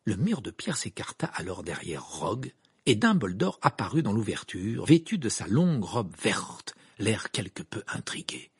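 A man reading an audiobook aloud in an expressive, scripted narration style. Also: normal speed, husky, no echo, clean studio sound. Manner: expressive reading, wide pitch swings.

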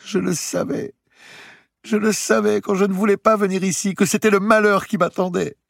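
A man's voice: sits high, level tone, moderate pace, creaky, dark tone, no echo, clean studio sound, pitched above the performer's own voice. A man reading the part of a grieving young woman, crying and pleading through her tears. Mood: anguished. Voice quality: tearful and pleading. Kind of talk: audiobook character reading.

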